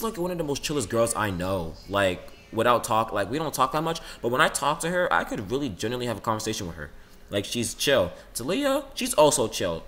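A teenage boy in a casual, rambling monologue about his classmates, saying "like" constantly and swinging his pitch up and down. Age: teens. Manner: rambling, says "like" a lot, lively swings in pitch. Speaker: student vlogger.

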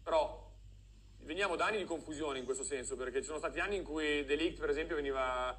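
A man's voice: fairly high pitch, quick pace, a bit bright, low-quality recording. An Italian man in his forties talking through football in a studio discussion as pundit and commentator. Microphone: lapel mic.

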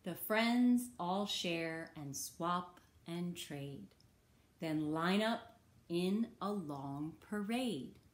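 A woman reading a rhyming picture book aloud for children in a slow, rhythmic sing-song. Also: on the low side, expressive. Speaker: children's story reader. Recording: roomy echo.

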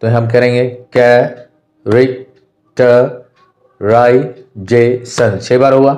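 A man from India teaching an English lesson, slowly spelling out words letter by letter. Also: medium pitch, darkish tone. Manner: slow, deliberate spelling out of letters. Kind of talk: classroom lesson explanation.

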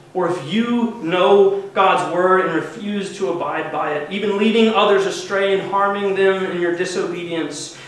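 A man's voice: fairly high pitch, distant mic, a little hiss or hum. Earnest preaching man in echoey church. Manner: earnest, emphatic preaching with swelling stresses. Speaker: pastor. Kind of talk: sermon. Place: church sanctuary, at a wooden pulpit. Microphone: far camera mic, no visible microphone. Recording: very echoey church heard from afar.

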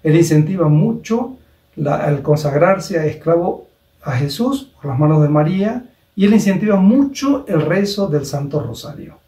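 A man tells a parable in sermon style, slowing down to pose rhetorical questions. His voice sits a little high with a dark, mellow tone. The sound is roomy and distant, as if picked up from across a hall. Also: lively intonation. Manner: deliberate, with rhetorical questions to listeners. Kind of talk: storytelling sermon. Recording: roomy echo, distant mic.

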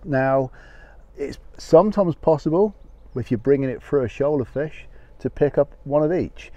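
A man's voice: fairly high pitch, moderate pace, dark tone, no echo. A man in his fifties, sitting outdoors and chatting to camera with a lapel mic as he explains his fishing rig in a casual, practical way. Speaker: fishing vlogger. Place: outdoor wooden deck by the sea. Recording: slightly dull lo-fi audio.

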